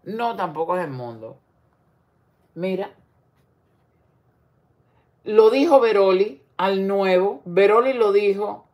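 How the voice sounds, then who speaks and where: A woman's voice: mid-range voice, expressive, slow pace, long pauses, lo-fi sound. An older woman with a Cuban accent hosting an online show, chatting casually, teasing and talking straight to the viewer. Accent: Cuban Spanish. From Cuba. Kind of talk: casual commentary chat.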